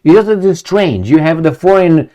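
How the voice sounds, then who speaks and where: A man's voice: on the high side, expressive, normal speed, mellow. Man, rambling monologue, rhetorical questions, swooping intonation. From Romania. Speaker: video commentator. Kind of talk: casual opinion monologue.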